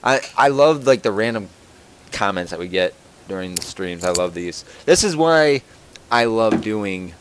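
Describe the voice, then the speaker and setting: A young man with a fairly low voice chats casually on his own podcast. He rambles and jokes as he answers listener questions, full of fillers and false starts. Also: animated, a little slow, a little hiss or hum. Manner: rambling, joking, lots of fillers and restarts. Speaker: podcast host.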